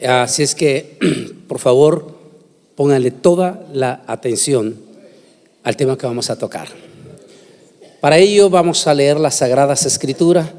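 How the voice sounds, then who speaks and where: In a slightly mellow, mid-range voice, a preacher addresses a congregation during a conference talk, a solemn, emphatic sermon lecture with deliberate phrasing, scripture reading and prayer. The large hall is echoey, leaving a long reverb on the recording.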